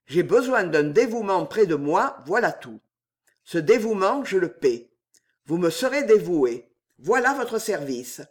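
A man's voice: high-pitched, big pitch swings, unhurried, exaggerated voice. A man reading aloud, voicing a scheming nobleman who speaks in firm, emphatic declarations. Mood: commanding. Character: commanding scheming nobleman, cool and insistent.

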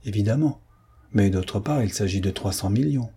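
A man voicing a gentleman adventurer who speaks with cool, mocking irony. The voice is low, mellow and a little husky. It is an audiobook reading. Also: normal speed. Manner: ironic, mocking.

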